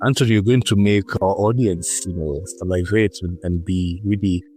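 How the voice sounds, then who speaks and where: A man hosts a podcast interview in a low voice. He chats in a loose, relaxed way, repeating words and filling pauses. Soft music plays faintly behind him. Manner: relaxed, many fillers and repeats. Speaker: podcast host. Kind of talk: casual interview chat.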